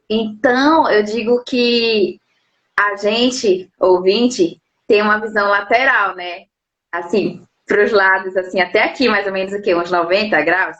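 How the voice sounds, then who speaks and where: A woman's voice: mid-range voice, a bit bright, highs cut off. A woman interpreter and lawyer explaining things patiently at home, often checking in with little tag questions. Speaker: sign language interpreter and lawyer. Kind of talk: explanatory live interview talk.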